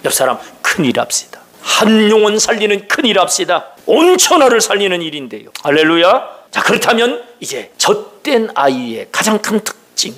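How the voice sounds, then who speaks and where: A man preaching a sermon as pastor, firing questions at the congregation and dropping into hushed whispers for emphasis. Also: high-pitched, sing-song, normal speed, few pauses.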